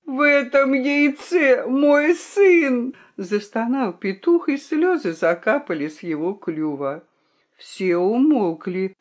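A woman narrating a fairy tale with an expressive, melodic reading. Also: medium pitch. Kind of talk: storybook audiobook narration.

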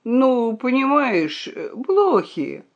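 A woman's voice: sits high, very animated, drawn-out words, highs cut off, pitched above the performer's own voice, heavily acted. Woman voicing an old veteran rooster. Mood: pleading. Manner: earnest, emotional. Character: old veteran rooster, a gentle male soldier.

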